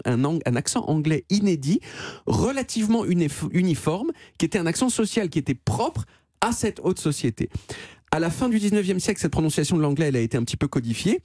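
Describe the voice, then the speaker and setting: A man's voice: on the high side, a little mellow, breathy edge, no room sound. A man presenting a playful, explanatory radio chronicle in a chatty manner, often restarting his words, speaking into a studio microphone. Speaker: radio columnist.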